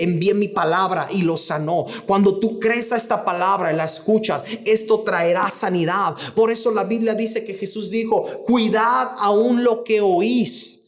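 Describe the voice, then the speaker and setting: A man preaching a sermon as co-pastor, fervent, repeating phrases and slowing down to stress quoted words. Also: fairly high pitch.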